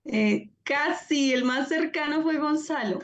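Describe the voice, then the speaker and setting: A Biblical Greek teacher leads a live online class, calling on students by name over video in an encouraging, upbeat way. Her voice sits high and she speaks slowly.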